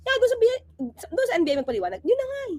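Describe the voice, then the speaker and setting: A woman's voice: very high voice, huge pitch swings, very fast, darkish tone, dry recording. A woman giving impassioned, sarcastic commentary, asking rhetorical questions and acting out little scenes.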